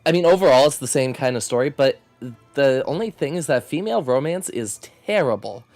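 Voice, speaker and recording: A man's voice: medium pitch, lively intonation, fairly quick, darkish tone, faint music behind. A man talking casually as a co-host on a video game stream.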